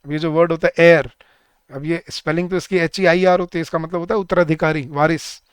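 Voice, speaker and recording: Lively man teaching grammar. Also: fairly high pitch, smooth, no room sound, studio quality. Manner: lively, asks the class many questions; reads English example sentences slowly. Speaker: English teacher for bank exams. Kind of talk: live online grammar class.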